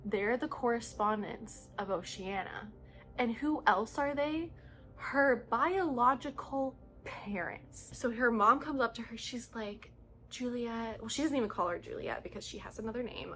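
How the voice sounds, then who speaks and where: A young woman recapping a book series in a casual, excitable way, with lots of "like" and fillers. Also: on the high side. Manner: excitable, heavy use of "like". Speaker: book vlogger.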